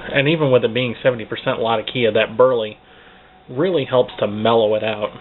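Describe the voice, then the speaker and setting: A man gives a casual, unscripted review in a mid-pitched voice. He hesitates and repeats words as he searches for the next one. The sound is narrow and phone-like, with clear noise behind him. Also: fairly quick. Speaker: pipe tobacco reviewer. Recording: tinny, phone-like band, clearly noisy.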